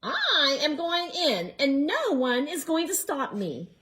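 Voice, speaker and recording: A woman playing a small, stubborn barnyard hen who clucks her words with emphatic insistence. The pitch bounces high and lively, loud on each demand. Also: slow, heavily acted. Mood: determined. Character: fussy, determined little barnyard hen.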